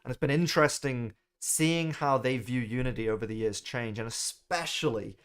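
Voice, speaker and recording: A man's voice: medium pitch, moderate pace, smooth. An angry British man ranting on his live stream. He swears freely, rambles from point to point and gets worked up as he goes. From United Kingdom. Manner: angry, profane, rambling rant. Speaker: streamer host.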